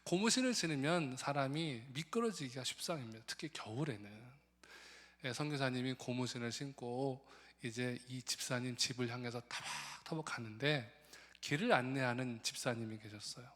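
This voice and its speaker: A man's voice: mid-range voice, normal speed, fairly bright tone. A male pastor telling a humorous story in a sermon and joking with his congregation. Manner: humorous, conversational, addresses the congregation. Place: large church hall. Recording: long church hall reverb.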